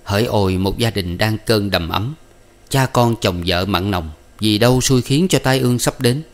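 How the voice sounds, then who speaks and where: A man reading an old novel as a measured audiobook narration, adding spoken footnotes. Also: on the low side.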